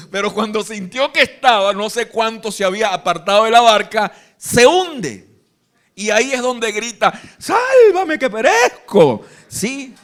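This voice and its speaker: Animated Venezuelan pastor preaching. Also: male voice, sits high. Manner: animated, acts out Bible scenes in voices. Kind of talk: live sermon. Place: church hall.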